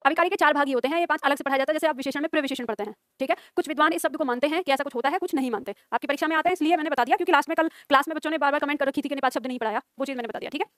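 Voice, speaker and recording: A woman's voice: high-pitched, racing, few pauses, dry recording. A woman teaching a Hindi grammar exam-prep class, dictating notes, repeating lines and quizzing her students.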